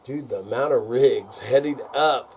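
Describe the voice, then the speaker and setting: A man's voice: mid-range voice, normal speed, a little mellow, slight background noise, low-quality recording. An older man with a rural American accent, ranting off the cuff in a rowdy, folksy redneck way, salty and full of man and dude. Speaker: vlogger. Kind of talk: casual off-the-cuff rant to camera.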